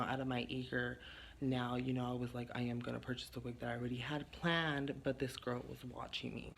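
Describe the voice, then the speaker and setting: A man's voice: medium pitch, creaky, a little hiss or hum. A man talking casually to camera in a vlog from his garage, sassy and rambling, with lots of fillers. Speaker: vlogger.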